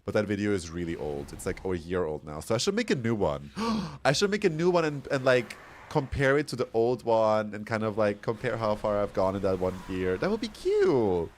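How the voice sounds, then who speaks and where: Casting: young Austrian-accented male streamer, very low voice, chatty and giggly. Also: sing-song, moderate pace, few pauses, a little hiss or hum. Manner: chatty, laughs often, reads chat aloud. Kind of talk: casual livestream chat.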